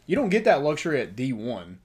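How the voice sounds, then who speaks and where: Casting: opinionated man, rambling sports podcast co-host, animated pitch. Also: quick pace, breathy edge. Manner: rambling, many fillers, lively and opinionated. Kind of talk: casual sports chat.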